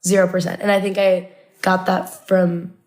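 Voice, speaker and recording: This young adult podcast guest comes from Indianapolis in the United States and grew up speaking Arabic as her native language. She reminisces casually at a moderate pace, her fairly low, darkish voice delivered flatly and often padded with "like."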